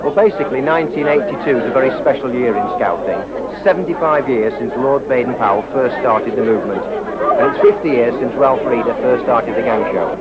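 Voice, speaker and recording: A man with an English accent narrating a documentary in a plain, even storytelling manner. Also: medium pitch, brisk, lo-fi sound, over a noisy crowd. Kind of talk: scripted narration.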